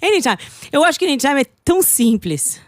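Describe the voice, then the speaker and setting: A middle-aged woman, an English teacher and podcast guest, chatting casually and telling lively stories. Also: high-pitched, brisk, dry recording, studio quality. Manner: lively storytelling, acting out quoted voices.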